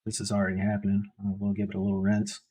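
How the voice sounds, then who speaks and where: A man's voice: lowish voice, monotone, racing, mellow, slightly rough, rough recording. A man tattooing while he talks, mumbling casually with wry, sarcastic asides. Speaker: tattoo artist. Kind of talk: casual talk while working. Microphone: stand mic set for standing.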